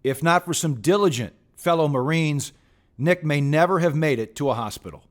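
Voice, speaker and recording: American guy narrating from a script, voice a bit on the high side, presenter style. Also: moderate pace, no room sound, studio quality. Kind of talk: scripted narration for a public service story.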